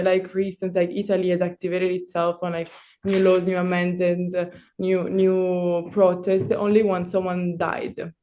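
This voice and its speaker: A woman's voice: lowish voice, dark tone, slight background noise. A young woman in the audience asks a long, rambling question, full of "like" and fillers. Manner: rambling, fast, many likes and fillers. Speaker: audience member asking a question. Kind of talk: question from the floor.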